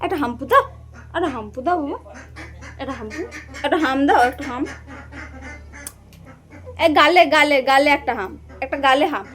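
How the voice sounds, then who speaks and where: A woman's voice: high-pitched, expressive, normal speed, long pauses, a bit bright. A woman talking playfully to a baby in coaxing, sing-song baby talk.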